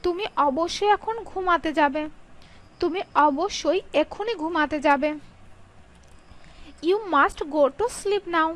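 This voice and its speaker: A woman with a very high voice runs a sentence drill, reading each English phrase at a crawl with careful spacing. Her Bengali lines are much quicker than the English. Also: a bit bright, rough recording. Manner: slow, carefully spaced delivery, Bengali read quickly, English drawn out. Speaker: English teacher.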